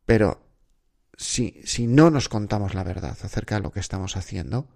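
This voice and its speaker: Gravelly man coaching exam candidates. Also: lowish voice, expressive, moderate pace, a little mellow. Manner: direct, exhorting, rhetorical questions. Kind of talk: unscripted motivational podcast talk.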